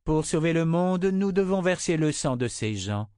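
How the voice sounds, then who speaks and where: A man reading an audiobook, voicing a cold, composed woman who rules as mother confessor, in a raised, measured voice. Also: on the high side, lively intonation, darkish tone, clear, resonant tone, dry recording, studio quality, voice pushed up, lightly acted. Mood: coldly calm. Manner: icy, unshakably composed.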